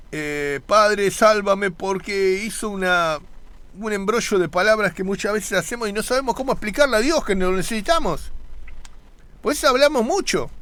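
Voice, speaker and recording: Guy preaching, high voice, earnest and chatty, repeats himself. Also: fairly bright tone. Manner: earnest, conversational preaching with pauses and repetitions. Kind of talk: sermon.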